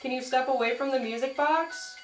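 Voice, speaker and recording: A young American woman on a ghost hunt, nervous and slangy, talking softly to spirits in a dark old prison. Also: high-pitched, fairly quick, reverberant, distant mic, faint music behind. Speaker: paranormal investigator. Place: dark echoing old prison cell block.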